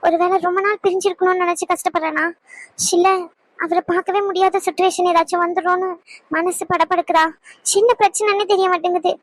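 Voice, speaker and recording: Very high-pitched, rapid, cartoon young wife, clingy, tearful pleading, woman voicing, dry close sound. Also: fairly even intonation, no room sound. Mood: anxious. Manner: emotional, pleading, self-questioning. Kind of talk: animated cartoon voice acting.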